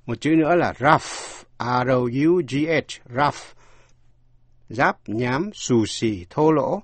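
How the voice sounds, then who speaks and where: A man's voice: mid-range voice, animated, slow pace, no echo. A man teaching English vocabulary, spelling each word out letter by letter and then translating it. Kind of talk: slow spelled-out vocabulary lesson.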